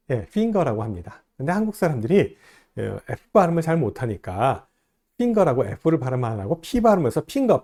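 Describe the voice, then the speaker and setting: A man teaches a video lesson in a fairly high voice with a lively, rising and falling pitch. He explains each point step by step and keeps asking the viewer questions. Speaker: lecturer. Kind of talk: video lecture.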